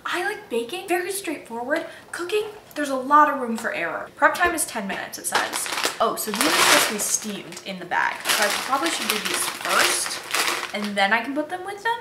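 A woman vlogger chatting in her home kitchen, self-deprecating and talkative. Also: fairly high pitch. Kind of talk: casual cooking vlog. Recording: echoey kitchen with loud noise.

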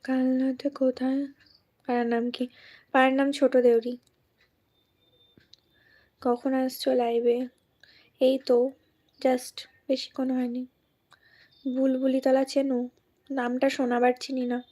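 A woman from West Bengal chatting casually with viewers during a live stream. She has a cold and speaks softly and slowly. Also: high-pitched, little pitch movement. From West Bengal, India.

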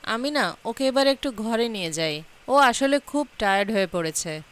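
A woman reading the lines of a gentle, caring young woman in a serial recap, in a slightly high voice. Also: animated, moderate pace.

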